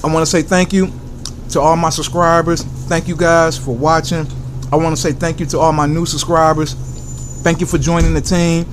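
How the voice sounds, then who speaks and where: An American man with a slightly high voice hosts a casual food review. He speaks enthusiastically and directly to viewers, repeating catchphrases and asking himself questions. There is clear background noise and crinkling behind him. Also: flat delivery, moderate pace.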